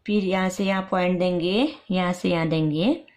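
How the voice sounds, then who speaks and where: A woman teaching young children's letter sounds step by step for parents, repeating each sound slowly. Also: on the low side, a little mellow. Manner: slow, repetitive, drawn-out letter sounds. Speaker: nursery teacher.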